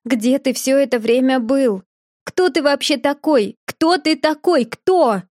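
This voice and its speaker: A woman's voice: high-pitched, a little slow, dark tone, dry recording, studio quality, pitched above the performer's own voice. A woman voicing a shaken, tearful young woman who pleads and asks urgent questions in an audiobook. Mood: distraught.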